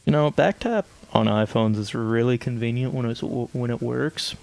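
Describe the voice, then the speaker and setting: Young male streamer, gravelly and creaky, casual rambling commentary over faint music. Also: mid-range voice, normal speed, darkish tone, no room sound. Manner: rambling, self-correcting, chatty. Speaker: streamer playing an aim trainer.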